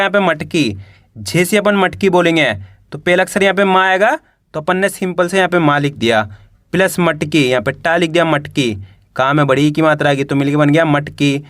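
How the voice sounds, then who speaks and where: A man's voice: sits high, fairly bright tone, dry recording, clean studio sound. A man teaching a beginner reading lesson, sounding out words one syllable at a time and repeating each word with a prompt. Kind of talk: step-by-step phonics lesson.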